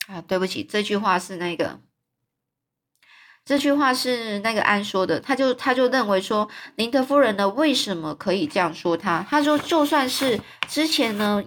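A woman's voice: medium pitch, a bit bright. A woman casually retelling a novel as a storyteller, rambling and often correcting herself with fillers.

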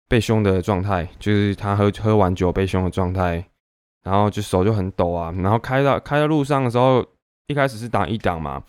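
A young man with a Taiwanese Mandarin accent, venting casually to camera in an animated way with many fillers. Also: on the low side, clean tone, no echo, clean studio sound. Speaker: vlogger.

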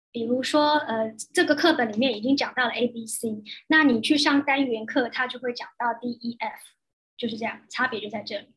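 A woman with a Taiwanese Mandarin accent, teaching a course in a casual way and telling animated stories with frequent laughter. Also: fairly high pitch. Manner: animated, laughs often, acts out quotes. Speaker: course instructor. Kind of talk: casual teaching talk with storytelling.

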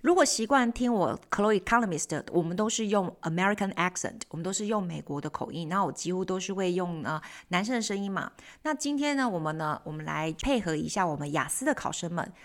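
A woman's voice: fairly low pitch, a little fast, few pauses. A woman hosting a bilingual lesson on English news, explaining key words and slipping English phrases into her explanations. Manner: lively explaining, mixing English terms into Chinese. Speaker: language teacher and host.

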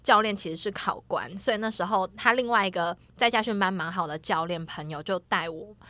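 A woman, co-hosting a podcast and telling a personal story in an animated, expressive way. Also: mid-range voice, a little fast, dry recording. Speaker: podcast co-host. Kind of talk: casual chat, personal storytelling.

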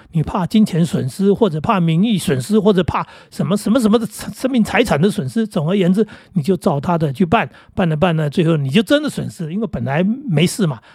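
Husky Taiwanese man telling stories. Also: high-pitched, darkish tone, no room sound, clean studio sound. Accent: Taiwanese Mandarin. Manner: rambling anecdotal storytelling with many fillers. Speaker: podcast host. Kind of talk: casual chat.

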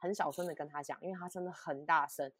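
A woman co-hosting a relaxed podcast, telling a story with lots of emphatic repeats and animated asides. Her voice sits on the low side for a woman. The sound is dry and close to the mic. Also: fast, husky, no room sound. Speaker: podcast co-host. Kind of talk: casual chat.

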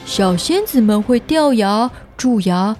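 A woman's voice: a little high, lively intonation, takes it slowly, darkish tone, faint music behind. A woman playing an earnest, dutiful little fairyland soldier who explains things in a children's audio storybook. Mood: earnest, informative.

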